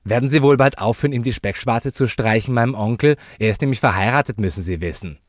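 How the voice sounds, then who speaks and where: A man voicing a cheeky, foul-mouthed little girl who talks loud and blunt in a storybook reading. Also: mid-range voice, quick pace, no echo, studio quality, pitched above the performer's own voice, close to an everyday voice. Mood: defiant.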